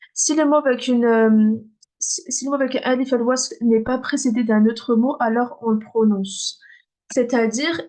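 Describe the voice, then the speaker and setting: A woman's voice: on the high side, darkish tone. Patient woman teaching Arabic letters. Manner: patient, repeats words slowly, checks with "ok?". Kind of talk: beginner lesson.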